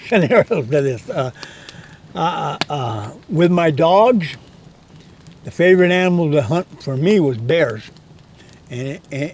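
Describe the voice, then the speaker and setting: A man's voice: on the high side, darkish tone, a little hiss or hum, rough recording. A man in his eighties telling hunting stories outdoors in a canyon, rambling and often stammering and repeating his words. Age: 80s. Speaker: interviewed guest, hunting guide. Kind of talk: casual storytelling chat.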